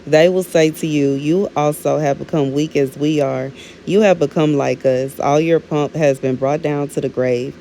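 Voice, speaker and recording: With a deep, dark voice and vocal fry, a woman in her thirties speaks at a normal, steady pace, offering prophetic words to viewers in a loose, meandering way. She fills with "you know what I'm saying" and calls them "baby," on a low-quality recording with a little hiss or hum.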